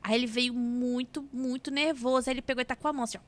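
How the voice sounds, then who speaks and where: A woman's voice: a little high, fairly even intonation, fast talker. A young Brazilian woman, a mother and podcast co-host, telling an everyday family story in casual chat and acting out what people said.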